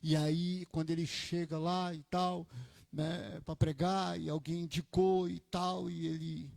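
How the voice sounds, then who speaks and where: High-voiced pastor preaching. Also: male voice, unhurried, vocal fry, dry recording. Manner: animated preaching, swings from quiet asides to loud emphatic peaks. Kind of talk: sermon with storytelling. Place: church.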